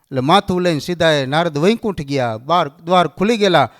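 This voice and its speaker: A man's voice: on the high side, a little fast. A man with a Kathiawadi Gujarati accent giving a storytelling sermon, acting out the dialogue of the figures in the tale. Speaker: religious speaker.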